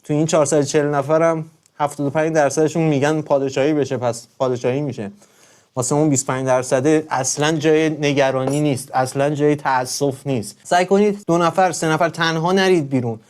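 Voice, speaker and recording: A man on a live stream, talking straight to his viewers in an emphatic, repetitive way, swinging between loud urging and low murmuring. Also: fairly even intonation. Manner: emphatic, repeats words over and over.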